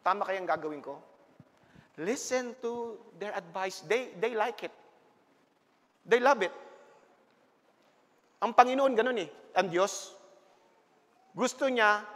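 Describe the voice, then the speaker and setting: A man, a pastor preaching a sermon with animated storytelling in a church. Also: high-pitched. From Philippines. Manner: mixes English and Tagalog, animated storytelling. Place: church sanctuary. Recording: reverberant church hall.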